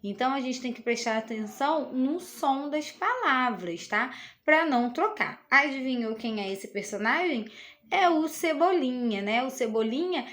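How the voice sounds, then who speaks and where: A woman with a Brazilian Portuguese accent teaching a children's lesson, explaining slowly and patiently with many tag questions. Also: sits high, lively intonation, a bit bright.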